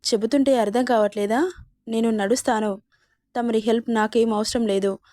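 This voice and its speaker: A woman's voice: a little high, steady tone, normal speed, dark tone, no room sound, studio quality, lightly acted. A woman reading a storybook, voicing an angry young woman who hurls bitter, scornful accusations. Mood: stubborn.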